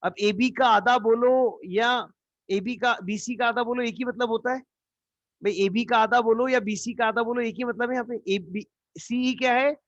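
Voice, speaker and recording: A man's voice: very high-pitched, fairly even intonation, moderate pace, no echo. A man teaching a live geometry class, coaxing students with repeated questions. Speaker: math teacher. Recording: dull lo-fi online class audio.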